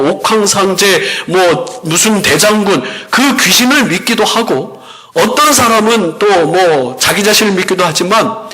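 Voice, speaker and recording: A man's voice: high-pitched, pushed and bright. A male pastor preaching a sermon, leading the congregation in repeating prayers and retelling a story with acted quotes.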